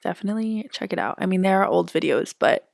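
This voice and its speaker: A young woman co-hosting a podcast in casual chat, talkative, full of "like" and quick laughs. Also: medium pitch, vocal fry, no echo, clean studio sound. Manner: chatty, fillers like "like", laughs often. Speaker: podcast co-host.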